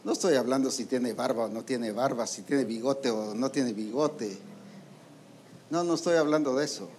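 A man preaching a sermon to ministers, lively and full of rhetorical questions, acting out quoted voices. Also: medium pitch, normal speed, slight background noise.

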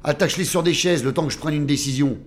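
A man's voice: fairly high pitch, fast, close to an everyday voice. A man voicing a male bookseller gang boss who sighs and speaks curtly in an audio story. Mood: irritated. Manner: curt, weary.

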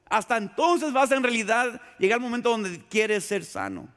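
A pastor preaching a sermon in a conversational, storytelling way, full of rhetorical questions and acted-out anecdotes. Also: male voice, extremely high pitch, animated, normal speed, a bit bright. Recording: long hall reverb.

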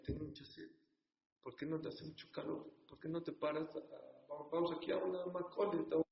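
A man doing a pregnant wife, hushed and quick as she pleads for a stop. The sound is dull and echoes through a hall. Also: sits low, steady tone, creaky, recorded from a distance. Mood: pleading. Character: thirsty pregnant woman asking her husband to stop.

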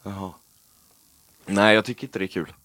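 A man's voice: on the low side, steady tone, fairly bright tone, no room sound. A young man bantering and teasing on a casual podcast. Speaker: podcast co-host. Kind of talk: casual chat.

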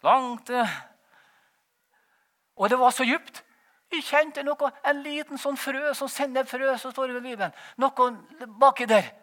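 High bright-voiced man telling his story. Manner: animated, rambling, frequent "vet du" tag; laughs while telling. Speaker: testimony speaker. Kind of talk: personal testimony.

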